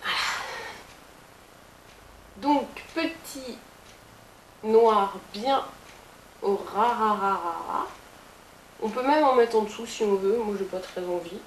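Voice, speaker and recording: A woman's voice: on the high side, takes it slowly, pauses often. Chatty woman in a roomy room. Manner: chatty, playful asides to viewers. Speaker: beauty blogger. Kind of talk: casual makeup tutorial. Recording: roomy with faint hiss.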